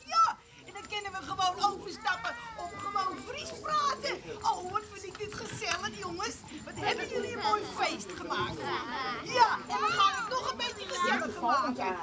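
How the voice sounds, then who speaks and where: A woman voicing a lively hand puppet in a children's puppet show, chatting and calling out to the children in the audience. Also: very high-pitched, normal speed. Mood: cheerful. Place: outdoors at a village festival. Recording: loud crowd and noise outdoors. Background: loud crowd of children and festival noise.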